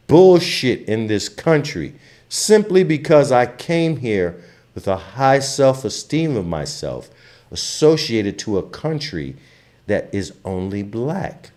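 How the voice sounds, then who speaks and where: A man from Trinidad and Tobago, giving an impassioned, emphatic commentary as a channel host. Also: medium pitch. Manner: impassioned, emphatic, grows louder when fired up. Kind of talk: opinionated commentary monologue.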